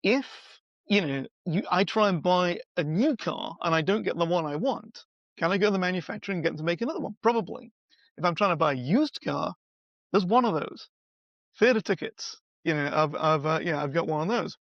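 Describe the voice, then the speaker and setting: High-voiced man, animated storyteller. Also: brisk, no room sound. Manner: animated, acts out quoted dialogue with playful voices. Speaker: guest expert. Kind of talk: conversational podcast interview. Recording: slightly dull, dry sound.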